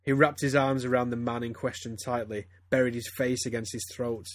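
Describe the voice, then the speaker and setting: A man's voice: mid-range voice, little pitch movement, fairly quick, dry recording. A man reading fan fiction aloud to friends, stumbling and breaking into laughter as he goes. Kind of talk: casual comedic reading aloud.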